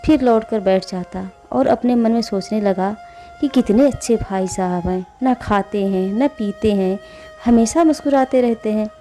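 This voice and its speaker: A woman hosting a devotional channel, narrating a folk tale in a gentle, steady storytelling manner. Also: mid-range voice, normal speed, faint music behind.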